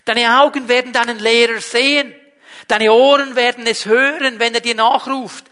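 Male pastor, sermon, high voice, dramatic swings from booming to hushed, long hall reverb. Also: steady tone, moderate pace. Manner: dramatic, swings from loud emphasis to hushed near-whisper.

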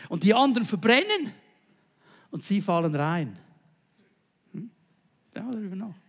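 A man with a high, light voice delivers a sermon. He swings from loud, emphatic declarations to hushed, low-pitched passages. He keeps turning to his listeners with short checking questions. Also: very animated, unhurried, husky, big-room sound. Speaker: preacher.

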